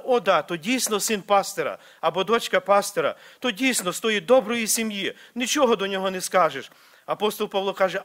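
High-voiced earnest man preaching. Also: a bit bright. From Ukraine or Slavic region. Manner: earnest, repetitive exhortation with restarts. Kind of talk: sermon. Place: church service.

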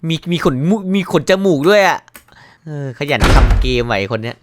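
A man giving casual let's-play commentary, joking about the game text and yelping and shouting at scares. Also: on the high side, normal speed, noisy background. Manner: excitable, yelps and shouts at scares; jokey, reads game text aloud with wry asides. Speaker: gaming YouTuber.

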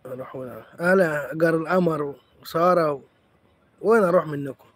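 A man's voice: fairly high pitch, moderate pace, no echo. A man with an Egyptian accent hosting a live stream, chatting playfully with viewers and teasing them as he answers comments. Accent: Egyptian Arabic.

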